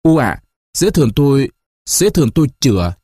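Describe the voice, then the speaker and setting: Man doing a scared young village girl, stammering, pitched up, storybook. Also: sing-song, fairly quick, darkish tone, no room sound, studio quality. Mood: frightened. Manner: stammering, pleading. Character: frantic young village woman, frightened daughter.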